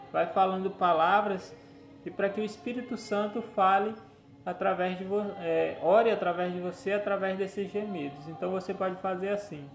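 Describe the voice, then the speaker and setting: A man preaching a teaching sermon, gently instructive and often checking in with his listeners. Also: high-pitched. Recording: echoey room with faint music.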